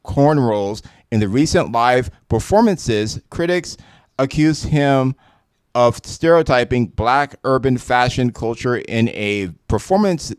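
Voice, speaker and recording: Smooth-voiced man reading the news haltingly. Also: mid-range voice, no room sound, studio quality. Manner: reads haltingly with self-corrections and asides. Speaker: live-stream host reading news. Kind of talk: casual commentary reading articles aloud.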